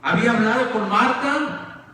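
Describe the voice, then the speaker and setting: A man preaching a sermon in a church, his voice high and bright and far from the mic. Long reverb fills the hall, with faint room noise behind him. He swings from raised questions to hushed, low emphasis. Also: animated, normal speed. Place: church sanctuary.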